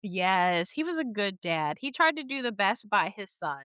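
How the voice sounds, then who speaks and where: A woman's voice: mid-range voice, big pitch swings, moderate pace, bright, forceful tone, smooth, no room sound. A young woman co-hosting a podcast, chatting casually and agreeing eagerly with enthusiasm. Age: young adult. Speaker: podcast co-host. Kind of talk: casual chat.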